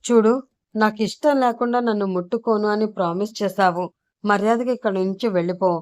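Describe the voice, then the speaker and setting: A woman's voice: medium pitch, steady tone, fairly quick, darkish tone, lightly acted. A woman storyteller voicing a frightened young woman held captive, speaking in a trembling, pleading way.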